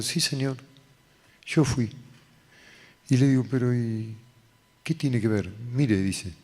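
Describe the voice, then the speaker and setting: A man's voice: mid-range voice, mellow. A male pastor with an Argentine accent telling a personal testimony in a sermon, acting out the voices in his story. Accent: Argentine Spanish. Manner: storytelling, acting out dialogue with raised voice. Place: church hall. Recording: long hall reverb.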